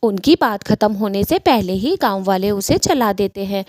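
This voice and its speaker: Lady telling a cartoon story, steady and plain, dry close sound. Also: medium pitch, moderate pace, no echo. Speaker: narrator. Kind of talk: storytelling narration.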